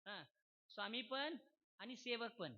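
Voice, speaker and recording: A man's voice: very high-pitched, expressive, slow, sharp tone. A man, giving a humorous devotional sermon in a folksy style, often checking that the crowd is following. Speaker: kirtan preacher. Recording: dull lo-fi recording.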